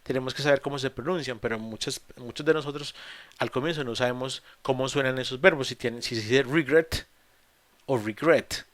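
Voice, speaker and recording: A man's voice: medium pitch, fairly even intonation, fast talker, fairly bright tone, no echo. A man teaching English grammar in an online class, explaining rules step by step in a patient way with frequent fillers and restarts. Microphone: computer mic in a video call.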